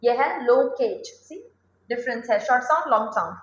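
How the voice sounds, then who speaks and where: A woman's voice: fairly high pitch, expressive, a little fast, fairly bright tone, reverberant, low-quality recording. A woman teaching English pronunciation, drilling word lists aloud and coaxing her students to repeat after her. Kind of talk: spoken phonics lesson.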